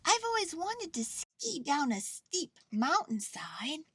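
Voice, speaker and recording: Woman voicing a high, excitable little toy bear. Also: slow pace, creaky, no room sound, heavily acted. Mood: excited wonder. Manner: wide-eyed, delighted exclamations. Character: small excitable childlike toy bear, eager and innocent.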